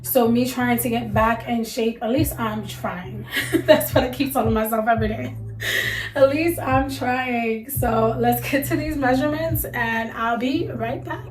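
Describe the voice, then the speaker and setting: Soft music plays behind a young mother from the US as she vlogs in a reverberant room, speaking a little slowly in a higher-pitched, allergy-stuffed voice. Her casual, candid chat is peppered with fillers.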